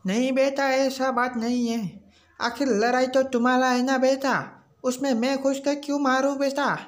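A man voicing a sweet, doting old grandfather who gently nags about food and calls everyone son. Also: very high voice, level tone, moderate pace, pitched above the performer's own voice. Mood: coaxing.

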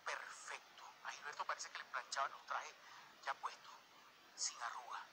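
A man, an actor telling anecdotes as a guest on a TV variety show, animated and dramatic, acting out scenes as he goes. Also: medium pitch, normal speed, in a whisper, rough recording.

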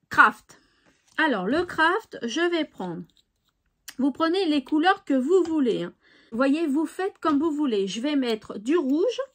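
A woman's voice: high-pitched, a bit bright. A woman hosting a craft tutorial, chatting casually and thinking aloud with fillers. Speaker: craft channel host.

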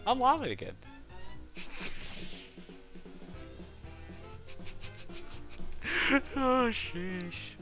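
Man, casual gameplay commentary, unhurried, giggly, rambling, sudden loud exclamations. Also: medium pitch, animated, faint music behind.

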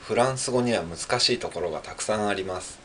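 A Japanese man with a Japanese accent talks fast in a fairly low voice, with slight background noise. As a French learner in a practice monologue, he carefully drills French pronunciation syllable by syllable and repeats it in Japanese.

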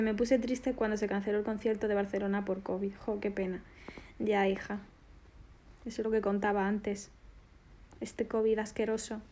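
A woman, bubbly and affectionate, casually answering fan questions on a phone live stream. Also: mid-range voice. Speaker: singer doing a live stream.

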